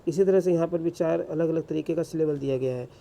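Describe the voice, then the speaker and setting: A man's voice: fairly high pitch, fast talker, gravelly, dark tone. A man teaching English grammar in a classroom-style lecture, asking rhetorical questions and answering them himself.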